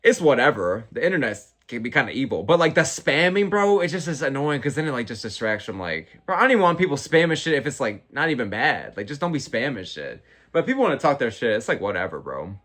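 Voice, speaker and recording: A man's voice: mid-range voice, very animated, quick pace, few pauses, a bit bright. A young man talking like a slangy, profane frat bro as he hosts a casual fight watch-along and answers chat. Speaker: livestream host.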